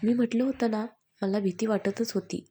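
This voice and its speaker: A woman's voice: on the high side, steady tone, normal speed, warm tone, a little hiss or hum, natural voice. Woman voicing an anxious young wife. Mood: tearful.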